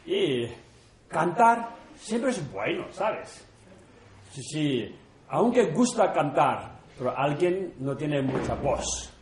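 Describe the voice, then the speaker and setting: A man, a monk, talking casually to a small group in halting non-native Spanish, full of fillers and tag questions. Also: medium pitch, slight background noise. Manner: unhurried, chatty, often chuckling. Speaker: monk leading an informal group session. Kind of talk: informal talk to a small group. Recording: roomy echo in an indoor room.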